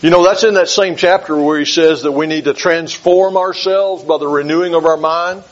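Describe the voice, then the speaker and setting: A man delivers a sermon in a measured, emphatic way, leaning on repeated phrases. His voice sits fairly high for a man, and the recording is dull and lo-fi. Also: fairly even intonation. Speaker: preacher.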